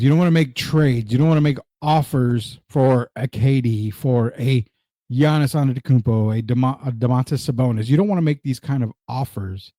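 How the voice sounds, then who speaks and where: With clean, echo-free studio sound, a man from Puerto Rico hosts a casual Spanish-language sports talk show in a warm, medium-pitched voice. He drives his points home emphatically through repetition and reads viewers' comments aloud.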